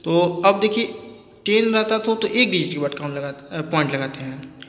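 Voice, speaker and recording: A man's voice: on the high side, lively intonation, normal speed, pushed and bright. A man teaching a maths lesson in speech, asking questions and answering them himself as he repeats each step. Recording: echoey room with long reverb.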